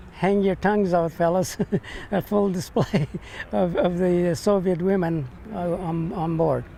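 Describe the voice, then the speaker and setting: An older American man remembers his days as a veteran in an interview. His voice is mellow and sits a little high for a man. He speaks haltingly, pausing and repeating words as he searches his memory, over faint background noise. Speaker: navy ship veteran being interviewed. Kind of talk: reminiscing in an interview. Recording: noisy, with steady background rumble.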